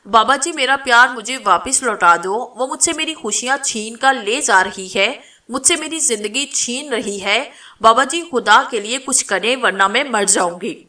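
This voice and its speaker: A woman's voice: on the high side, pushed and bright. A woman voicing a lovesick, desperate young snake-woman in a spoken horror story, pleading tearfully.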